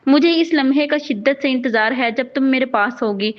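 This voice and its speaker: A possessive young man barking threats in a storybook novel, as a woman narrator reads him. The voice sits high and lively rather than deep. The recording is dull and lo-fi. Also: moderate pace, natural voice. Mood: scheming. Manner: commanding, menacing.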